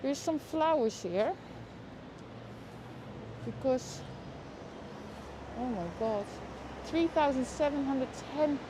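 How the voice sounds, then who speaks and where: A Dutch-accented woman with a fairly high voice livestreams a walking tour outdoors on city streets. Casual and talkative, she reacts aloud to the sights she passes and speaks to her viewers by name. The sound comes from a lapel mic as she walks, with street noise behind.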